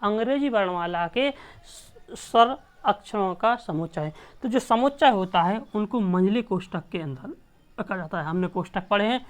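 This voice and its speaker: A woman's voice: mid-range voice, lively intonation, moderate pace. A woman from India teaching a math class, explaining patiently and repeating each point with check-ins to the students.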